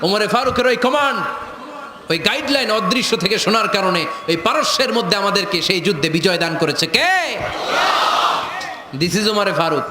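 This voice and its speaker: A man preaching a sermon to a live gathering, animated, shouting at times and joking with the crowd. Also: high-pitched, fairly quick, background noise. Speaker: Islamic preacher. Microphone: handheld or stand mic over a PA. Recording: echoey PA sound with crowd.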